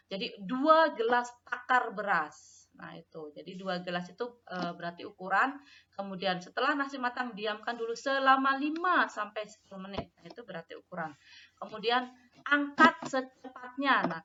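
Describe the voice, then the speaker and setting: A woman's voice: medium pitch, sharp tone, slight background noise. A woman teacher giving a patient lesson, addressing her students, asking them questions and repeating the key terms. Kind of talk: classroom lesson. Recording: dull lo-fi recording.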